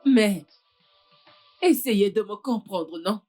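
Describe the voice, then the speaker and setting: A woman's voice: medium pitch, expressive, slow, dark tone, faint music behind. A woman playing a pleading worried mother. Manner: pleading, soothing. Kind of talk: French dub of a film.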